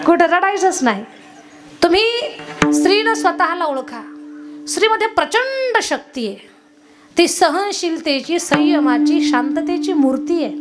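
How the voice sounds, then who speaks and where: High-voiced woman preaching a kirtan. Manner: emphatic, addresses audience directly. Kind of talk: devotional sermon with storytelling. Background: tabla music.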